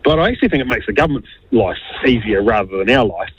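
A man's voice: mid-range voice, animated, fast talker, breathy edge, no room sound. A man calling in to a radio show over a phone line, chatting bluntly and jokingly. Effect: heard over a phone line. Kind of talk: casual phone-in chat.

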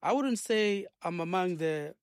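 A man with a Zambian accent, a gospel singer and minister, talking earnestly in a radio interview, preaching as he goes and filling pauses with "uh" and "um". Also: sits high, lively intonation, clear, resonant tone, no room sound, clean studio sound. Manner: earnest, preachy, rambling with many fillers.

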